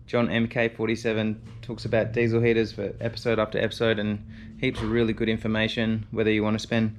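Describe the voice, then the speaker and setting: A man's voice: on the low side, completely flat delivery, quick pace, slight background noise. A laid-back man, chatting casually and in slang as he presents a DIY vlog. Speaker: vlogger presenting a DIY video.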